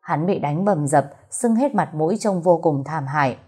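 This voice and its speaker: A woman narrating a romance audiobook in a steady storytelling voice. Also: low voice, moderate pace, breathy edge.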